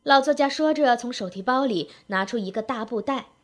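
A woman with a fairly high voice performs a comic story aloud. Her narration is wry and lively, and she leans into rhythmic, patterned phrases. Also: a little fast.

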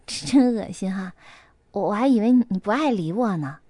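A woman plays an awkward young man in an audiobook, sheepish and stammering as he tries to please. His voice sits a bit low and soft. The sound is dry and close. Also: lively intonation, normal speed, no room sound, natural voice. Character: awkward, fawning young man making small talk.

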